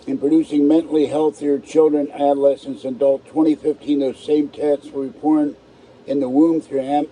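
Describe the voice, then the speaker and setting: Talking casually and bluntly on a live stream, a man reads aloud and comments, his missing upper teeth giving him a natural lisp as his tongue meets the roof of his mouth. His voice is fairly high and mellow, delivered flatly at a moderate pace, and the recording is low quality.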